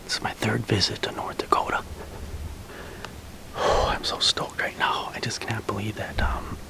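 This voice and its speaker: A man whispering to the camera from a tree stand outdoors, shaking with excitement as he narrates his hunt. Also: on the low side, normal speed, gravelly, low-quality recording. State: shaking with adrenaline. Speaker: hunting vlogger.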